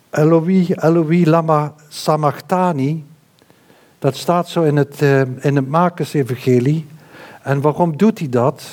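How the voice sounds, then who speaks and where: A man preaching a sermon and praying in a slow, earnest, halting way with frequent fillers. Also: fairly high pitch, darkish tone. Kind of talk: sermon with prayer.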